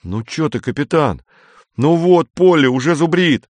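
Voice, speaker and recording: A man's voice: a little high, expressive, measured pace, a little mellow, no echo, pitched above the performer's own voice. A man voicing Lin, a heavy, good-natured boy who talks hesitantly and pleads with his friends. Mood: pleading. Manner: hesitant, pleading, then stern.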